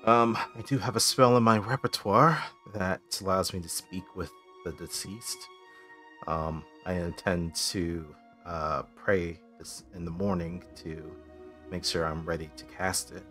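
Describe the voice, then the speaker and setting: A man's voice: low-pitched, fairly even intonation, measured pace, fairly bright tone, faint music behind. A man playing a tabletop role-playing game, chatting casually at the table and partly speaking in character.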